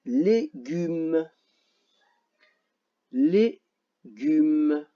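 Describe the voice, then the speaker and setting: A man with a French accent teaching a phonics lesson to children, slow and patient, repeating each word carefully and joking about his own memory. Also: on the high side, lively intonation, mellow, dull audio.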